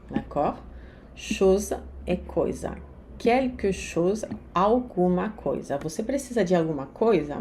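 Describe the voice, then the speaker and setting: A woman teaching a lesson, giving slow, carefully articulated pronunciation drills. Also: on the low side, darkish tone, a little hiss or hum. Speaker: French teacher. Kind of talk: language lesson.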